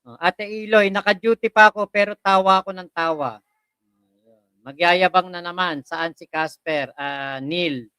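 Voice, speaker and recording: Chatty livestream host, bright and crisp. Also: mid-range voice, unhurried, no room sound. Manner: chatty, laughs often, greets viewers by name. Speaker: livestream host reading viewer comments. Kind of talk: casual livestream chat.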